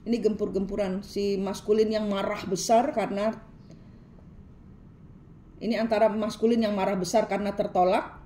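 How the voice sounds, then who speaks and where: A woman's voice: mid-range voice, level tone, moderate pace, pauses often, dark tone, a little hiss or hum. A woman tarot reader, giving a preachy, scolding reading full of repetition.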